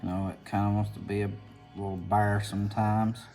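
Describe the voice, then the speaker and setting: A man's voice: on the low side, flat delivery, moderate pace, darkish tone, faint music behind. A man with an Appalachian hillbilly accent talks in a folksy, rambling way, like a mechanic giving a casual hands-on video tutorial.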